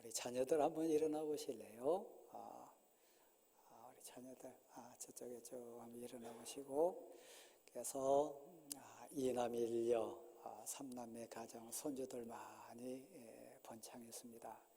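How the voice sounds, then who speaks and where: A man pastor making church announcements and leading a short prayer, pausing often with drawn-out "ah" sounds. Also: medium pitch, steady tone, dark tone. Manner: halting, many drawn-out "ah" pauses. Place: church sanctuary. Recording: long hall reverb in a church.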